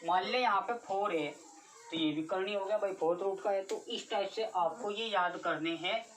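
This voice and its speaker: A woman's voice: mid-range voice, normal speed. A woman teaching a class-nine math lesson, repeatedly asking her students questions. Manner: repetitive, keeps questioning students. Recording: distant mic with faint noise.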